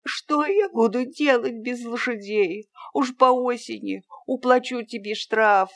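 A reader voicing a timid, desperate peasant man who pleads slowly with his master in an audiobook. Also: medium pitch, a bit bright, pitched above the performer's own voice. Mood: pleading. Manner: slow, pleading, drawn-out. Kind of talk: audiobook character reading.

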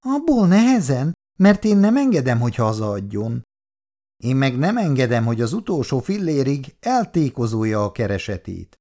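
A stubborn elderly housewife. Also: female voice, very deep voice, sing-song, dark tone, full character voice. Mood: firm. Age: older. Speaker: Mrs. Szabó. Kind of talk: 1960s radio drama acting.

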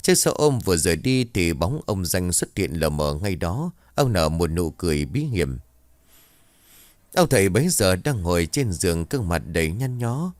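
Deep-voiced man telling a ghost story. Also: dry recording, clean studio sound.

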